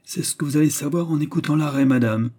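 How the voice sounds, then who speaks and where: A man's voice: on the high side, warm tone, pitched above the performer's own voice, natural voice. A man voicing a grave, formal court clerk. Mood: solemn. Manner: formal, measured and solemn.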